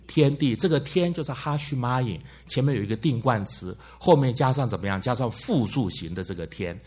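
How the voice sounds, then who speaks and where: Husky man lecturing a Bible class. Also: medium pitch, darkish tone. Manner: frequent "ha" tag words and questions to the class. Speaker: Bible teacher.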